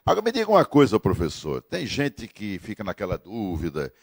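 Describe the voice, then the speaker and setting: A man's voice: on the low side, wildly swooping pitch, brisk, gravelly, slightly rough. A man, a TV host asking questions in a curious, casual interview. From Paraíba, Brazil. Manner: curious, asks questions and echoes answers.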